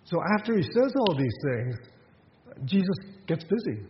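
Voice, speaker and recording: A man's voice: fairly high pitch, big pitch swings, normal speed, in a large hall, dull audio, a little hiss or hum. A man preaching a sermon in a conversational way, with rhetorical questions and frequent restarts. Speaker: pastor.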